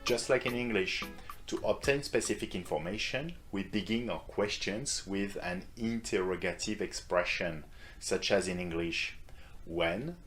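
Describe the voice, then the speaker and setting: Male teacher with a low voice for an online lesson; explains clearly and models phrases aloud for repetition. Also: a little slow, a bit bright, soft background music. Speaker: French teacher.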